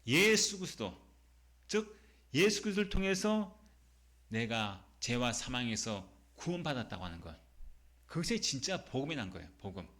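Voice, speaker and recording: A male pastor preaching a Sunday sermon, emphatic, posing rhetorical questions and reading scripture slowly. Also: mid-range voice, big pitch swings, a bit bright. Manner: reads scripture slowly and deliberately.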